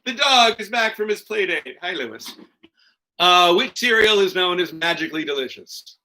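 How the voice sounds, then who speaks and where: A man's voice: high-pitched, expressive, normal speed, sharp tone, rough recording. A man hosting an online quiz over a video call, reading questions and tossing in joking, profane asides. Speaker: quiz host.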